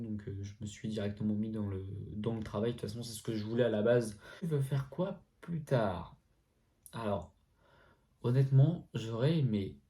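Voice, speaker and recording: A man in his twenties, answering viewer questions in a relaxed, chatty vlog with lots of fillers and slang. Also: mid-range voice. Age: 20s. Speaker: YouTuber answering a FAQ. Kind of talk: casual vlog chat. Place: at home, indoors.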